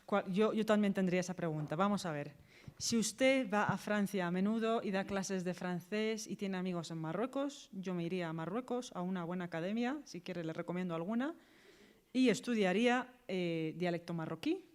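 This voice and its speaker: A university Arabic teacher and lecturer with a Spanish accent answers questions directly and practically, using quoted examples. Her voice sits lowish and her pace is normal.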